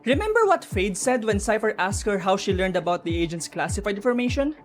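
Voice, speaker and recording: A woman's brisk, sing-song, mid-range voice carries an informal, speculative breakdown of game lore aimed straight at the audience. Background music sits under her narration.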